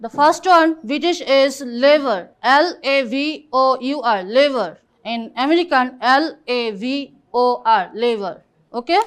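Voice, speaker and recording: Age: adult. Sex: woman. Pace: very slow. Role: English teacher. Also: high-pitched, expressive. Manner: halting English, spells words letter by letter. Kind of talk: classroom teaching. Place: classroom.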